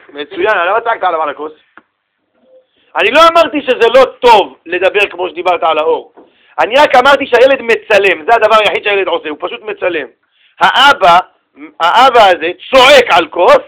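A man giving a Torah lesson, asking questions and telling parables in an animated way. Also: high voice. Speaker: rabbi teaching Torah.

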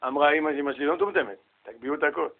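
A man teaching a religious lesson with animated storytelling, asking rhetorical questions and acting out the people in his stories. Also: on the high side, narrow, tinny audio. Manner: animated storytelling, acts out quoted voices. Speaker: Torah teacher.

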